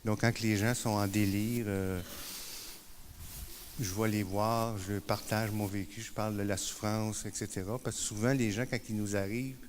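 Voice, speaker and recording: Quebecois male speaker, low register, humble and halting, light room noise. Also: fairly even intonation. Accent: Quebec French. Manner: self-deprecating, halting with fillers. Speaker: conference speaker. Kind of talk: conference talk. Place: conference room.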